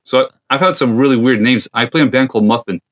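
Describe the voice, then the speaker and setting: Man, relaxed interview guest. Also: mid-range voice, fast, a little hiss or hum. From Serbia. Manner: easygoing, many fillers and hesitations. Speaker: guest, gear company founder. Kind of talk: casual interview chat. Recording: dull lo-fi sound.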